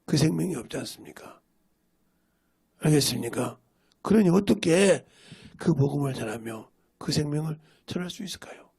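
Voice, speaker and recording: Male pastor preaching a sermon, high lively delivery, raspy gravel, rhetorical questions. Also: normal speed, pauses often.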